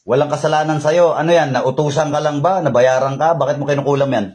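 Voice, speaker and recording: Commanding man, high voice. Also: steady tone, fast, a little mellow. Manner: commanding, interrogating, repeats questions; chants prayers and incantations. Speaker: faith healer. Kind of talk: remote healing prayer and exorcism over a call.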